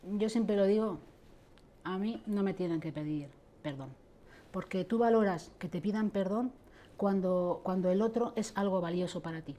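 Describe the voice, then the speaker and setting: A woman's voice: mid-range voice, normal speed, warm tone, slight background noise. A middle-aged woman, answering interview questions in an impassioned, indignant way and addressing church leaders directly. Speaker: interviewee, abuse survivor advocate.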